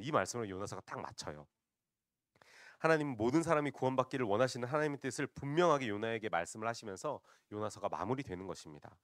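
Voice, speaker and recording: A man's voice: fairly low pitch, no room sound, clean studio sound. A man preaching a sermon, retelling a Bible story and often addressing the congregation directly.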